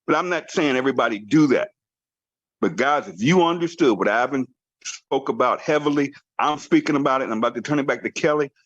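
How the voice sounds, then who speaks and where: A man's voice: mid-range voice, fairly quick, a bit bright, no room sound, highs cut off. A man leading a motivational team training call, urging and repeating his points with emphatic, preacher-like drive. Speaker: network marketing team trainer. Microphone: conference call line.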